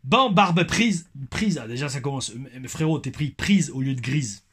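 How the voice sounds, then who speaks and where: A man's voice: a little high, lively intonation, moderate pace, fairly bright tone, slightly rough. A man reading a viewer's comment in an exaggerated, slipping put-on Québécois accent, playing a cheerful male wrestling fan. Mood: jokey. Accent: mock Québécois. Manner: exaggerated drawl, slips into other accents.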